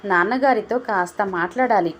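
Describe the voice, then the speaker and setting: A woman voicing a patient grown son who pleads calmly with his father in a storybook reading. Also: mid-range voice, moderate pace, close to an everyday voice. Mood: earnest pleading. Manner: earnest, pleading.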